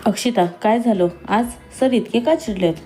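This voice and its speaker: A woman's voice: a little high, normal speed, dark tone, faint music behind, natural voice. A woman voicing a curious, caring female colleague. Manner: caring, inquisitive. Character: friendly young female office colleague, curious.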